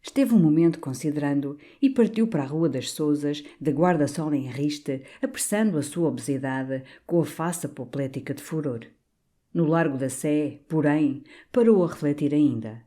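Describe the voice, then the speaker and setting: A woman narrating a classic novel in a measured, dramatic reading. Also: deep voice, dark tone. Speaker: audiobook narrator. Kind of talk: scripted narration.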